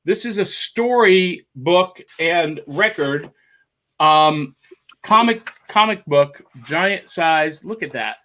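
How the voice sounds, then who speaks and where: Slow-paced and sharp in tone, this high-leaning, expressive male voice belongs to a co-host on a laid-back video call. He rambles with enthusiasm, showing off the things he's found.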